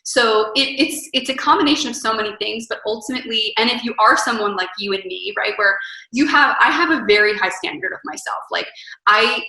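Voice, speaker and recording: A young woman talks through healing and self-care as an interview guest, earnest and emphatic, stacking ideas in lists. Her voice is bright and forward. The recording carries a noticeable room echo. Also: on the high side, brisk. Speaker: wellness coach, podcast guest. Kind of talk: casual interview conversation.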